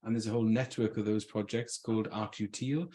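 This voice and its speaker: A man's voice: fairly low pitch, steady tone, quick pace, dark tone, a little hiss or hum. A man from Swansea with a Welsh Swansea accent gives an informal public talk as an invited arts speaker, conversational and thinking aloud. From Swansea, South Wales.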